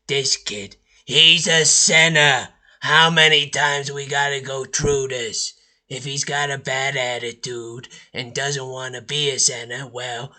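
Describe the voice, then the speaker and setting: A man's voice: mid-range voice, pushed and bright. A man voicing a blustery middle-aged uncle, lecturing about basketball in a voicemail, folksy and preachy, repeating "all right?" and "look". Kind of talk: phone voicemail comedy rant.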